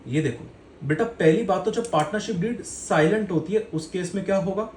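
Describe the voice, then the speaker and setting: A man's voice: high voice, fairly quick, a little mellow. A male teacher giving a lecture in a playful, colloquial way, calling his students "beta". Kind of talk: classroom lecture. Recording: echoey room with faint noise.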